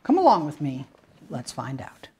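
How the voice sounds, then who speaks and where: A man reading a picture book aloud to young children as their teacher, talking slowly with a friendly storyteller's manner. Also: fairly high pitch, a little hiss or hum. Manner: slow, warm, animated storyteller.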